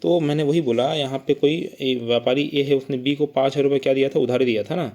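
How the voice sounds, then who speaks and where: A man teaching an accounting lesson at a quick clip. His voice is mellow and dark. He keeps asking the class questions, answers them himself, and adds a tag question to nearly every point. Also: medium pitch, steady tone.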